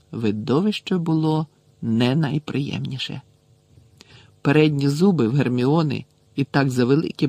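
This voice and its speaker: A man reading a novel aloud as an audiobook narrator in a steady, expressive way. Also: fairly high pitch, dry recording.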